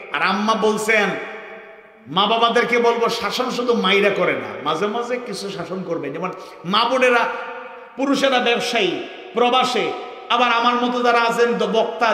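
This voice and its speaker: A man from Sylhet preaching an outdoor-style sermon to a crowd, rising into shouts and asking the audience rhetorical questions. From Sylhet, Bangladesh. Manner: rises to shouts, then drops low. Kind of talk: Bengali waz sermon to a crowd. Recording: very echoey hall with long reverb.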